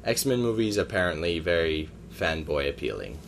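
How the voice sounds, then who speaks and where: A man's voice: deep voice, sing-song, normal speed, creaky, slight background noise. A man co-hosting a casual podcast, rambling through opinions on films with hesitant fillers. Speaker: podcast co-host. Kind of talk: casual chat about movies.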